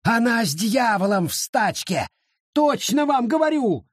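Man acting raving accuser, shrill shrieks, huge swings in pitch, husky. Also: very animated, unhurried, dry recording, clean studio sound, heavily acted. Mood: frantic. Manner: shrill, frantic shouting. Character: furious grown man raving about a witch.

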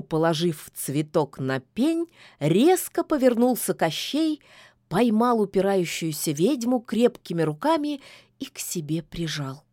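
A woman narrating a fairy-tale audiobook in a soft, folksy storytelling manner. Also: medium pitch, dry recording, studio quality.

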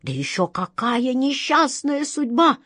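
A woman's voice: high-pitched, very animated, unhurried, fairly bright tone, no echo, studio quality, pitched above the performer's own voice, full character voice. A woman voicing a greedy old fortune-teller who fawns and wails over her predictions, storybook style. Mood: wailing. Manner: wailing, fawning and sly.

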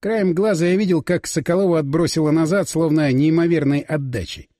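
A man narrating a first-person audiobook in a dramatic, expressive reading. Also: a little high, a little fast. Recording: dry close voice with long reverb.

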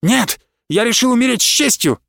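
A man voicing a proud, cornered young male noble who snarls and shouts with a cracking voice. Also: fairly high pitch, normal speed, creaky, dry recording. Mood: screaming.

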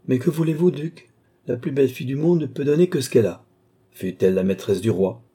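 A man's voice: mid-range voice, a little fast, warm tone, breathy edge, voice pushed up, natural voice. A man reading the part of a scheming old male marshal at court, with silky, ironic courtesy. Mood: sly.

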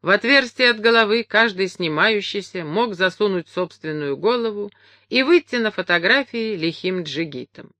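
A woman reading a memoir aloud as an audiobook narrator, measured and expressive. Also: medium pitch, dry recording. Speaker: audiobook reader.

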